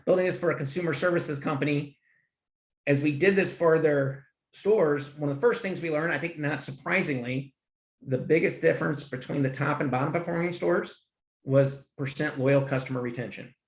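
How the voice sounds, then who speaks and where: A man's voice: on the high side, normal speed. A man who is a guest on a business podcast, talking enthusiastically and rambling with restarts. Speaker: guest, finance consultant. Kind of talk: conversational interview. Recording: roomy echo.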